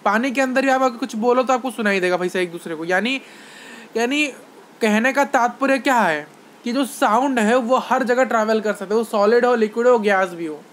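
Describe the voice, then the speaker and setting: A man's voice: very high voice, fairly quick, a bit bright, slight background noise. A man giving an online science lecture to students, repeating points, asking them questions, and mixing in English phrases. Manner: repetitive explanations, asks questions to students; mixes Hindi with English phrases. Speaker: science teacher.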